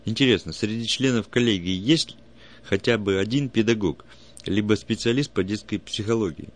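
Wry, doubtful alien scholar read by a man, low voice, storybook. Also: normal speed, lightly acted. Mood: skeptical. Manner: doubtful, ironic. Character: skeptical, wry male alien historiographer.

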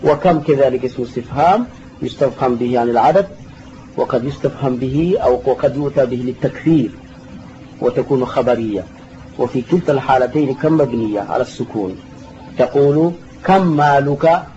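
On a dull lo-fi recording with faint hiss, a sheikh's warm, medium-pitched voice moves fairly quickly through a classroom lesson explaining an Arabic grammar text. He patiently repeats the key terms and answers his students' questions.

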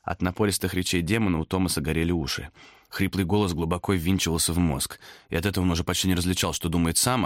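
A man's voice: deep voice, dry recording. Man, horror audiobook narrator, dramatic storytelling, close dry mic.

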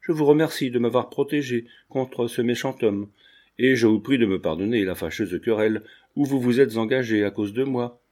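A man reading aloud and voicing a timid, polite young seamstress who speaks softly. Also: medium pitch, normal speed, close to an everyday voice. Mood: shy. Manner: polite, soft-spoken.

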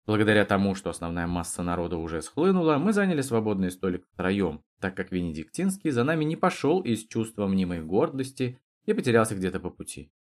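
A man narrating an audiobook in an expressive storytelling manner. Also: on the low side, a little fast, hardly any pauses. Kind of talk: scripted narration.

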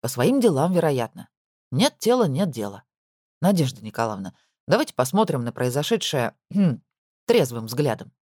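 An audiobook narrator voicing a laid-back, skeptical male police captain who talks things through slowly and dryly. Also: medium pitch, big pitch swings, a little mellow, no echo. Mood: skeptical, weary. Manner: dry, laid-back, slow and reasoning. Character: weary skeptical police captain, man, unhurried.

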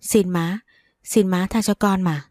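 A woman's voice: medium pitch, steady tone, measured pace, mellow, no echo, studio quality, natural voice. A woman voicing a frightened young daughter-in-law who pleads tearfully in a storybook reading. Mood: pleading.

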